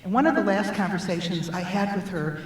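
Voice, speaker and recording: A woman's voice: medium pitch, brisk. A woman in her seventies, a guest speaker and life coach, telling humorous personal stories in a church sanctuary. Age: 70s. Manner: humorous, lively storyteller with punchlines. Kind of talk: personal storytelling talk. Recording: very echoey hall, voice from far off, faint noise.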